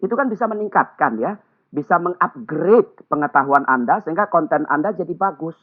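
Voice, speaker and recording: A man giving a webinar talk as a public speaking trainer, speaking clearly and articulating every sound. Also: on the high side, brisk. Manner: clear, carefully articulated, lively teaching delivery. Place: remote video call. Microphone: computer or phone mic on a video call. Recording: tinny phone-like online call audio.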